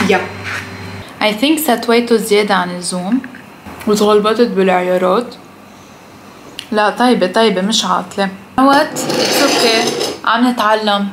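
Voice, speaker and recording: The low-quality recording carries clear background noise as a young Lebanese-accented woman vlogs about food from her kitchen and living room. Her voice is a little high, and she's blunt, casual, swears freely and uses English phrases.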